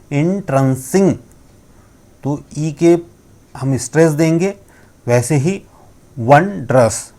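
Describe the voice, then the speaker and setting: A man giving a spoken lesson on English pronunciation, explaining in Hindi with English words mixed in and slowly spelling out sounds. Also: on the high side, darkish tone. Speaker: English teacher. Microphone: laptop screen recording.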